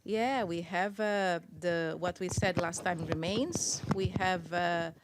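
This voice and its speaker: A woman's voice: fairly low pitch, takes it slowly, background noise. A woman spokesperson running a press briefing, polite and hesitant with many fillers. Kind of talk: press briefing, answering questions.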